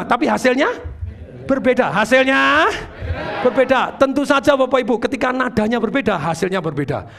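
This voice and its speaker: A man giving an energetic motivational seminar talk, drawing call-and-response from the audience and addressing them formally again and again. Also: sits high, creaky. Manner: acts out tones of voice to make points. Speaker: motivational speaker.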